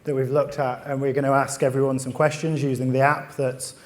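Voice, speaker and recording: A man co-hosting a live conference session, relaxed and dryly humorous. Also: mid-range voice, a little fast. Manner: dry, easygoing humour. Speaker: co-host. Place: conference room with live audience.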